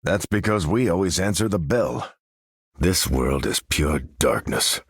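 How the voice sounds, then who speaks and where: A man's voice: deep voice, lively intonation, a little slow, breathy edge, no echo, clean studio sound, exaggerated voice. An American man playing Captain America, a stalwart veteran soldier hero and earnest, commanding leader in a video game. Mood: earnest, measured. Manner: earnest, commanding, military phrasing. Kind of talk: video game character voice lines.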